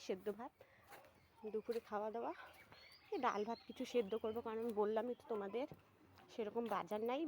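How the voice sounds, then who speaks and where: Young woman, fairly high voice, casual running commentary, faint noise behind. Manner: chatty, narrating chores to viewers. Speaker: vlogger. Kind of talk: casual vlog chat. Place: rural home and riverside.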